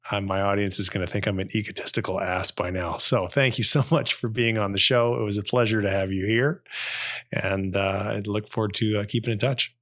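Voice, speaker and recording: A fairly low-voiced man hosting a podcast and chatting casually with his guest. He rambles with plenty of ums and pokes fun at himself as he goes. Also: steady tone, fairly quick, fairly bright tone. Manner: self-deprecating, rambling with fillers. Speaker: podcast host. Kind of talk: casual interview chat.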